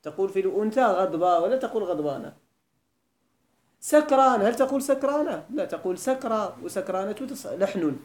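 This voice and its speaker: Man, Moroccan accent, lively quick delivery, grammar lecture, echoey room. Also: high-pitched. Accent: Moroccan Arabic. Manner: quizzes students with repeated questions. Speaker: teacher of Arabic grammar. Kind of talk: classroom lecture. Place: lesson hall.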